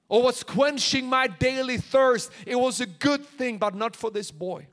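High-voiced animated Swedish-born preacher man. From Sweden. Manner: animated preaching, acts out prayers and quotes with rising intensity. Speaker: pastor. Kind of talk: sermon. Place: large church stage with screens. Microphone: handheld microphone.

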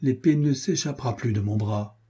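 A man's voice: mid-range voice, normal speed, mellow, slightly rough. A man doing a proud, earnest young cavalier. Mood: resolute. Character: proud young Protestant gentleman, earnest and bold.

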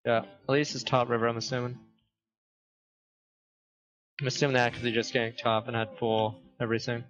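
A man's voice: medium pitch, level tone, normal speed, fairly bright tone, soft background music. Laughing young man gaming chat. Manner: laughs often, swears casually. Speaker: gamer. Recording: dull lo-fi stream audio.

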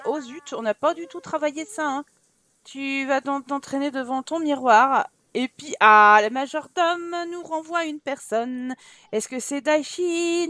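A woman with a high voice chats her way through a game, teasing her characters and exclaiming at every surprise. The sound is close and dry, with no room around her. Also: sharp tone, dry recording. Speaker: gaming let's-play host. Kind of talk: casual game commentary.

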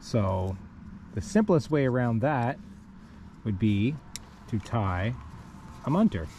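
A man with a mellow, dark voice walks through rope rigging one step at a time, in a plain and methodical manner. He is outdoors on a rocky riverbank, recorded by a camera on his body. A faint outdoor hiss sits behind him. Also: medium pitch, animated, slow. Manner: plain, methodical, talks while rigging by hand. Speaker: kayak rescue instructor. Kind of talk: step-by-step instructional demo. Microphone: wearable camera on body.

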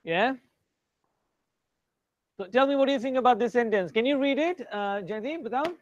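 A man's voice: very high voice, moderate pace, highs cut off. A man with an Indian accent teaching an English grammar class. He switches between English and Hindi and quizzes students by name.

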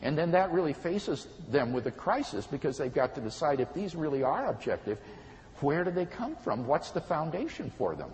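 A man giving an earnest, measured talk on moral philosophy, illustrating his points with stories. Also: on the high side, very animated, darkish tone, long reverb tail, slight background noise, poor audio. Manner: measured and earnest, storytelling examples. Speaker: speaker on philosophy. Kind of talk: explanatory talk.

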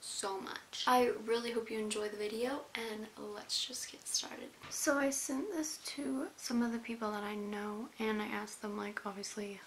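A woman's voice: a little high, moderate pace, hardly any pauses. A young woman talking informally as a beauty vlogger in a casual chit-chat makeup tutorial, often trailing off. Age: young adult. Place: indoor room, plain wall. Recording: roomy echo, faint hiss.

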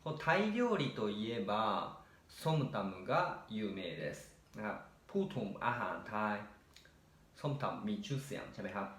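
A man, teaching Japanese grammar by explaining each answer patiently and reading example sentences slowly. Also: lowish voice, animated, fairly bright tone, echoey room. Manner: patient, repeats "นะครับ" often and reads example sentences slowly.

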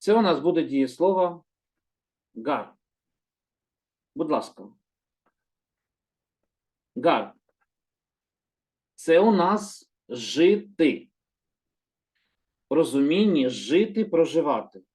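Gentle, patient male language teacher. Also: on the high side, sing-song. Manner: gentle, patient, repeats words slowly and corrects himself. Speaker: Hebrew teacher. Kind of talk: calm slow explanatory lesson.

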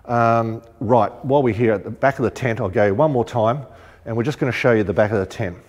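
A man with a mid-range, slightly mellow voice talks a little fast as a shop presenter demonstrating rooftop tent fittings. He's chatty and practical, thinking aloud with frequent ums, in a large warehouse showroom with long reverb and faint music.

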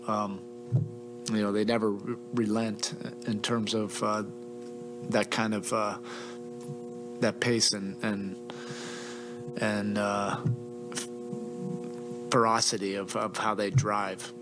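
A middle-aged man answers reporters after a game, his lowish voice picked up by a table mic in a press room. He talks in a measured, halting way, with many fillers and restarts, and a little music sits faintly behind him. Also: flat delivery. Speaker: head coach. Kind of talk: postgame press conference.

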